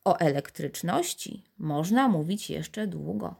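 A woman narrating a children's storybook in a calm, clear way. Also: lowish voice, takes it slowly.

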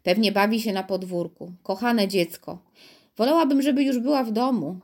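A kindly old aunt speaks gently and soothingly in a children's storybook, voiced by the narrating woman. She stays calm and cheerful. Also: mid-range voice, normal speed, close to an everyday voice.

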